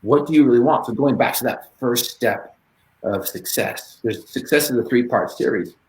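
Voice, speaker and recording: A man giving a motivational talk as a guest speaker, lively and storytelling, acting out bits of dialogue. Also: medium pitch. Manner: animated storyteller, acts out dialogue in quick voices. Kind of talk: motivational talk on a live stream. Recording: echoey room.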